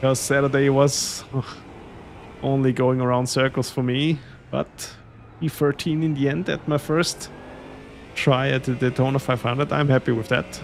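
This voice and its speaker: A man's mid-range voice comes across flat and a little slow, with some hiss or hum behind it. He streams sim racing from Austria, speaking with an Austrian German accent as a German native speaker, chuckling often as he chats casually with viewers.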